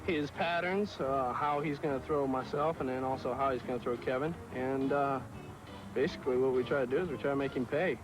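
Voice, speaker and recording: A man's voice: mid-range voice, fairly quick, over music, rough recording. A man, a professional baseball hitter, answering interview questions casually with frequent fillers. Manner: casual, "you know" fillers.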